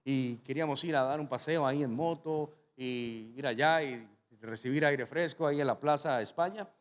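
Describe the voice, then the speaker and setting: A male pastor preaching a sermon, telling stories with animation and rising to sudden loud climaxes. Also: medium pitch, normal speed.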